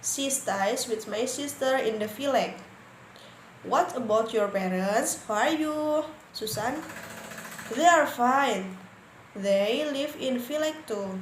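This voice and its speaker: A woman with an Indonesian accent presenting an English lesson, reading example dialogues aloud slowly and carefully. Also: fairly high pitch. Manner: slow, careful reading with stressed words. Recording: echoey room, faint background noise.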